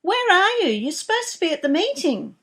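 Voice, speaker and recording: A woman playing a brisk, practical office colleague who keeps asking questions in a comic radio sketch. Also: fairly high pitch, natural voice.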